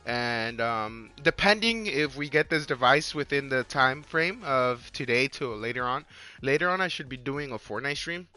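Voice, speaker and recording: A man in his twenties chatting casually on a livestream with a hoarse, worn-out voice, rambling in slang and repeating his phrases. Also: mid-range voice, lively intonation, moderate pace, sharp tone, faint music behind. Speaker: live game streamer.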